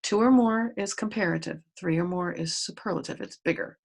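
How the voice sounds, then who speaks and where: A woman's voice: fairly low pitch, fairly quick, vocal fry, a little mellow. A woman teaching a grade school grammar lesson to pupils at home, patiently explaining step by step and spelling out letters.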